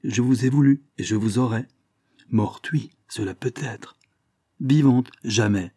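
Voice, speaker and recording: A man's voice: medium pitch, unhurried, mellow, slightly rough, dry recording, studio quality. A man reading aloud and voicing a bold, cold young man from the Calabrian mountains, with an intense, rising delivery. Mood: cold menace.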